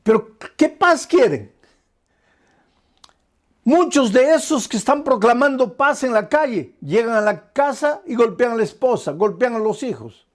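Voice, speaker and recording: A pastor delivers an evening sermon in a noticeably high male voice. He talks straight to the listener in an earnest tone. He stacks up repeated phrases, and his pace keeps shifting between quick runs and slow stresses. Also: animated. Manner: earnest preaching, speaking directly to the listener.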